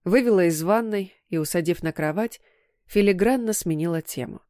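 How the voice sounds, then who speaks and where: A woman narrating an audiobook in the first person with an emotional, expressive reading. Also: fairly low pitch, normal speed, no room sound, clean studio sound.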